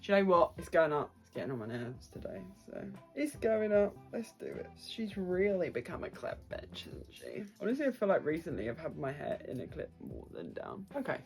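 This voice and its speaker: Woman, book vlogger, nasal and congested from a cold, very lively swooping delivery, casual chat over faint music. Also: low-pitched, fairly quick, vocal fry, few pauses. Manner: chatty, bubbly, goes on tangents.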